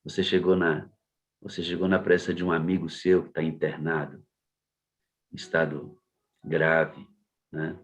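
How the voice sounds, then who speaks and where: A man, a pastor calmly prompting a guest to share her story. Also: rumbling low, measured pace, pauses often. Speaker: pastor, host. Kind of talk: casual interview questions.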